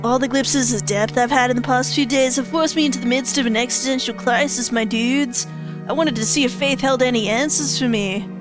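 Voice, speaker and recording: A laid-back young slacker dude who drawls lazily and puts on grand words, as a woman voices him. The voice sits fairly high. Faint music plays beneath. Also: a little fast, natural voice.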